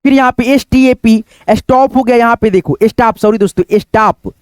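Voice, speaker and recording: Teacher, male, very high voice, spells words out slowly, close dry mic. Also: a little mellow, dry recording. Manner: spells words out letter by letter, keeps asking "दोस्तों". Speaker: English teacher. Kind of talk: spoken lesson.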